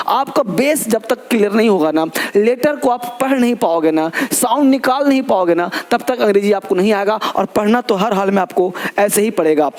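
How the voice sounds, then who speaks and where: A man giving a video lesson on English letter sounds, emphatic and drilling each sound aloud to his viewers. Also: very high-pitched. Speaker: English teacher.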